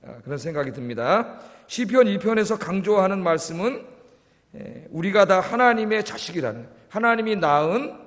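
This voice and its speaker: Middle-aged male pastor, slightly high voice, casual sermon delivery with frequent quick asides to the congregation, long church reverb. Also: lively intonation, fairly bright tone. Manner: conversational, keeps prompting the congregation with quick asides. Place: church sanctuary.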